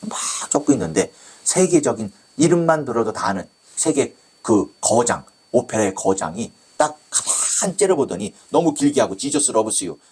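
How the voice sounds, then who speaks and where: A man's voice: mid-range voice, very animated, normal speed, hardly any pauses, a little mellow, slightly rough. A man preaching a sermon as a pastor, telling a story and acting out the quotes with exclamations.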